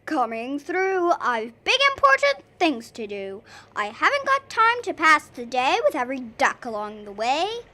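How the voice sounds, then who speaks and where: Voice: high-pitched, wildly swooping pitch, unhurried, sharp tone, exaggerated voice. A young reader voicing a big, self-important dump truck in a children's storybook. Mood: brusque, self-important.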